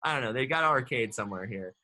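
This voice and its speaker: A man's voice: mid-range voice, expressive, racing, crowd noise. A man hosting a casual sports podcast, teasing his co-hosts and pushing them onto new topics. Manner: teasing, pushes others to talk. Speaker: podcast host.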